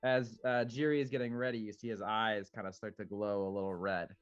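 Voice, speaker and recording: Guy playing a tabletop rpg, lowish voice, halting casual narration, kinda muffled mic. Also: steady tone, smooth. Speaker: tabletop role-playing player. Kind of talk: improvised tabletop game narration. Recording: dull lo-fi mic, music behind.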